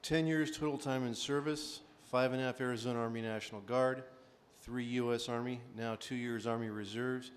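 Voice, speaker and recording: A man answering as a panelist in a brisk, matter-of-fact way. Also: medium pitch, fairly even intonation. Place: conference hall.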